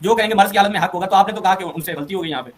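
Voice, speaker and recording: A man hosting a religious debate, pressing his opponent with pointed, sarcastic, challenging questions. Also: sits high. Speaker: debate host.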